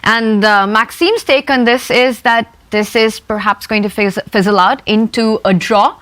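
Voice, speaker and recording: A woman's voice: on the high side, steady tone, unhurried, fairly bright tone. Woman hosting a live chess broadcast. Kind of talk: live sports broadcast presenting.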